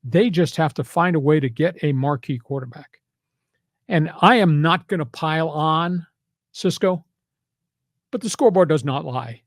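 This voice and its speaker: A man's voice: on the high side, moderate pace, pauses often, no echo, clean studio sound. Emphatic older man hosting sports talk. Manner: emphatic, punchy, preachy rants.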